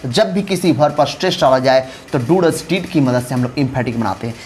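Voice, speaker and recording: A man's voice: medium pitch, brisk, darkish tone, a little hiss or hum. A man lecturing as an English grammar teacher, mixing Hindi and English, stressing and repeating key terms as he drills his students.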